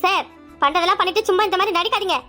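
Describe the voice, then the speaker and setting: A woman's voice: very high voice, racing, faint music behind. A woman voicing a proud, defiant young wife in a cartoon drama, answering back indignantly. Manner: indignant, sharp retorts.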